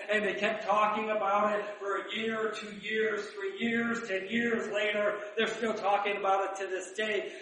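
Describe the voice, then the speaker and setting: High bright-voiced man teaching scripture. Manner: chatty, asks rhetorical questions, reads verses slowly. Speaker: Bible teacher. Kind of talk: conversational Bible teaching. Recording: roomy echo, distant mic.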